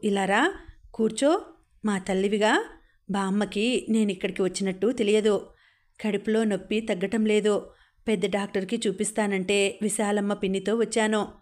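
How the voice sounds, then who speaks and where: A woman voicing a gentle, pleading middle-aged mother in an audiobook story. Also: medium pitch, fairly even intonation, moderate pace, close to an everyday voice. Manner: coaxing, pleading.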